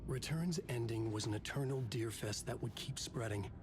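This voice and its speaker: An actor playing a troubled, earnest writer hero in a video game, speaking in a grave, deliberate, dramatic way. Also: male voice, medium pitch, noisy background, lightly acted. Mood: grave, desperate. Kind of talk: dramatic game dialogue and monologue.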